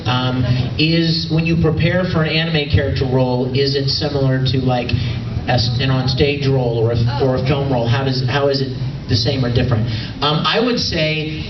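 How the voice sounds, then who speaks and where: A man's voice: medium pitch, fairly even intonation, normal speed, hardly any pauses. A man talking casually on a panel as a voice actor, explaining things and rephrasing his points. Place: large convention room with audience. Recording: echoey hall, distant dull mic, crowd noise.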